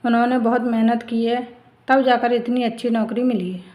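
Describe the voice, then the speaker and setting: A tearful schoolboy begging for help, pleading and choked up, in a family storybook tale, as a woman narrator puts him on, on a fairly high pitch. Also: fairly even intonation, moderate pace, dark tone, natural voice, poor audio.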